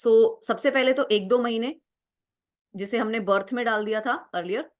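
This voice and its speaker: A young woman with a fairly high voice gives an exam-prep lecture at a moderate pace. She walks through the material step by step, switching between Hindi and English and frequently checking in with "right?"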